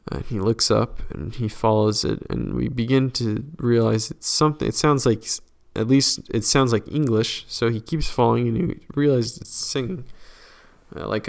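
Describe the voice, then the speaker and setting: Gravelly-voiced young man retelling a plot. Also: mid-range voice. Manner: rambling, retells scenes in quoted slang. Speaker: podcast host. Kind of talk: casual plot summary.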